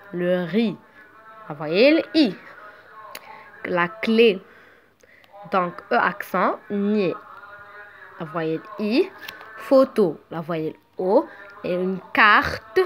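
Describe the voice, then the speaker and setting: A woman's voice: medium pitch, fairly bright tone, slight background noise. A woman teaching a beginner reading lesson, sounding out syllables and letters one at a time. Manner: slow, syllable by syllable. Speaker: French teacher.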